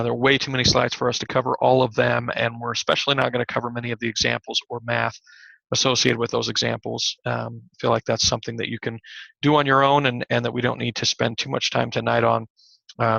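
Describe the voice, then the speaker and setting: A man delivers a recorded class lecture in a slightly hoarse, very gravelly voice, with a flat, bright and forward tone. He talks conversationally, with plenty of fillers and restarts. The recording is dry and somewhat dull, as from a computer mic. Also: medium pitch, no room sound. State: slightly hoarse, scratchy throat. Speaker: college instructor.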